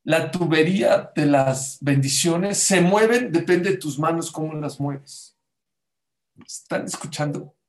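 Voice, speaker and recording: A man's voice: a little high, takes it slowly. A man preaching a sermon with a somewhat raised voice. He tells stories with animation and plays the people he quotes. He keeps checking in with his listeners through direct questions. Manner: storytelling, animated, acts out quotes; addresses audience with questions. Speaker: rabbi. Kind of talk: Torah sermon.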